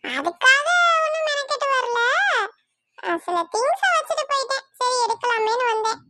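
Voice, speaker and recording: A squeaky teasing cartoon guy. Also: expressive, normal speed, pushed and bright, dry recording, studio quality, full character voice. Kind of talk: cartoon voice acting.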